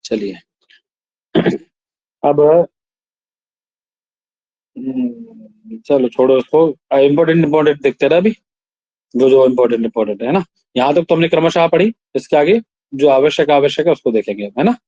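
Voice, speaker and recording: Male lecturer, higher mellow voice, dry and muffled; recites slowly, explains, quizzes the room. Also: sing-song, no echo. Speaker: Sanskrit teacher. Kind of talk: classroom lecture.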